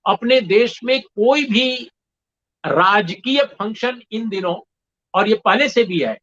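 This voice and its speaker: A man talking as an interview guest, with a high, bright voice. He speaks in a measured, emphatic way and pauses often on fillers. The recording sounds dull and lo-fi. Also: animated. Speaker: guest commentator. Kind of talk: discussion interview.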